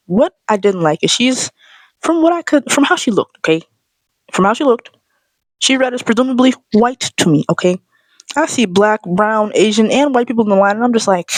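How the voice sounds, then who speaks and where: A woman vlogger ranting in a sassy, animated, slangy way, straight to camera. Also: medium pitch, dry recording. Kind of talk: casual ranting monologue.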